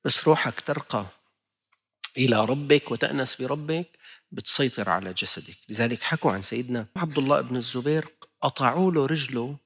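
Levantine male preacher, gravelly voice, lively sermon storytelling with rhetorical questions. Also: mid-range voice, brisk. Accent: Levantine Arabic.

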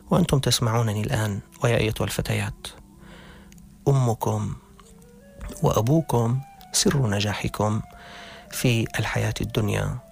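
A man's voice: on the low side, creaky, breathy edge. A man giving an earnest religious talk, speaking directly to young people as a preacher. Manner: earnest, addresses youth directly.

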